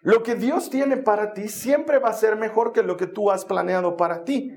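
A man preaching a sermon, telling Bible stories in a dramatic, animated way with jokes along the way. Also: high-pitched, moderate pace.

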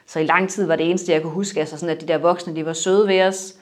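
A young adult woman in a personal interview, reflective and halting, her sentences trailing off softly. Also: low voice, fairly even intonation.

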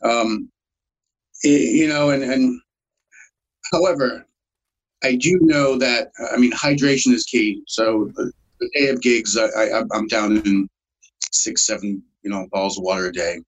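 A man's voice: medium pitch, steady tone, measured pace, long pauses, poor audio. A man in his forties, a solo acoustic musician, chatting in a laid-back interview with lots of fillers and laughs, a bit congested from a cold. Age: 40s. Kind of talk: casual interview.

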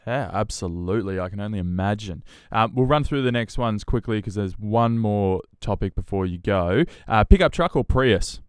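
A man hosting a podcast interview with a low, smooth and resonant voice. He sounds upbeat and encouraging, and the recording is close and dry. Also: moderate pace, hardly any pauses, no echo. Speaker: podcast host.

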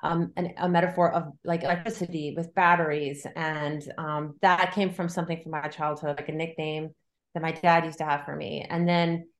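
Talking informally about her craft, a middle-aged novelist answers interview questions by thinking aloud in loose, looping phrasing. Her low voice is delivered flatly at normal speed.

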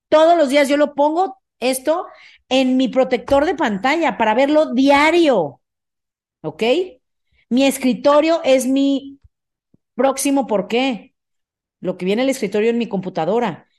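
High-voiced, energetic Mexican woman podcaster. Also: a little slow. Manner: energetic, emphatic, often asks "ok?". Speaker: podcast host. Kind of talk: motivational podcast talk.

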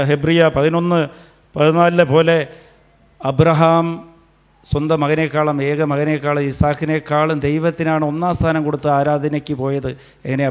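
A middle-aged man preaches a charismatic sermon in a fervent voice that sits a little high. He keeps breaking into calls of praise. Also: darkish tone. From Kerala, India. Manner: fervent, punctuated with praise the Lord.

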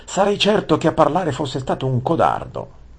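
A man voicing a hot-tempered young prince who shouts and rants. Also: lowish voice, expressive, moderate pace, breathy edge. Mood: furious. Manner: shouting, ranting.

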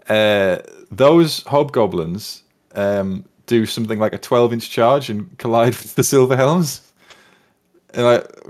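A man casually recapping a tabletop battle, rambling and self-deprecating as he thinks aloud. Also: on the low side. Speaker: tabletop wargame player recapping games. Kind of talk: casual chat.

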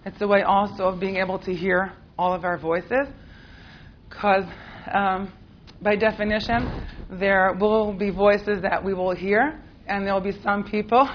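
In a classroom with a live group, a woman with an American accent who grew up in Israel teaches in a chatty, playful way, full of fillers and laughter. Her medium-pitched voice is fairly even and a little slow, captured on a lo-fi recording with a bit of hiss or hum.

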